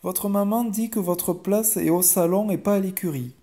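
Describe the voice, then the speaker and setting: A man's voice: high-pitched, moderate pace, mellow, voice pushed up. A man doing a polite chambermaid. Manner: formal and respectful. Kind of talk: bedtime story reading.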